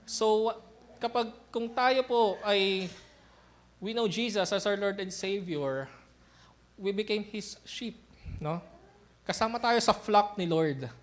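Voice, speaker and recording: A man's voice: high voice, a bit bright. A man preaching a sermon as pastor in an easygoing, conversational way, often checking in with the congregation through little tag questions.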